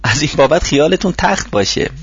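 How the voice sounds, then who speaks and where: Male reader voicing eager polite young family man, raised husky voice, dull dry audiobook sound. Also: a little high, voice pushed up, exaggerated voice. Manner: polite, excited replies.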